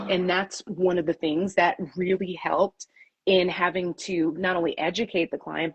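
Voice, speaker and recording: A woman's voice: on the low side, slight background noise. A woman publicist answering interview questions, emphatic and repeating her key points.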